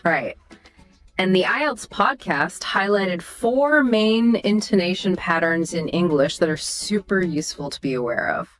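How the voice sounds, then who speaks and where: A woman co-hosting a scripted podcast dialogue, explaining ideas in a clear, teacherly way. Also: fairly low pitch, expressive, unhurried, low-quality recording. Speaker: podcast co-host. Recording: soft music behind the voice.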